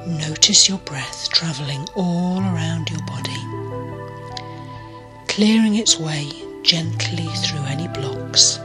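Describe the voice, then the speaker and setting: A woman guides a relaxation meditation, her voice soft and unhurried and often sinking to a breathy half-whisper. She speaks at a very slow, gentle pace in a fairly low register. Calm music plays clearly underneath her. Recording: clear music bed behind the voice.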